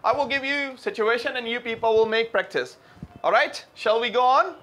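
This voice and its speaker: A man lectures a classroom in a high, sharply bright voice. He talks at an unhurried pace, quizzing students and repeating sentence patterns over and over. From Pakistan. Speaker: English teacher.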